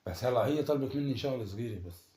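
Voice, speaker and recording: A man talking evasively and coaxing his wife to calm down. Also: mid-range voice, racing, roomy sound. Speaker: husband pulling a prank. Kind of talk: prank conversation.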